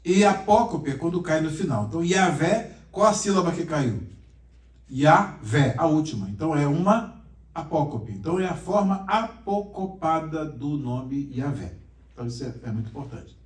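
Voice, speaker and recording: A male pastor lectures a Bible class, quizzing his students and joking with them as he goes. His voice sits a little high for a man. It echoes around the room, picked up from a distance. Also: expressive, normal speed. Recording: roomy classroom echo, mic far off.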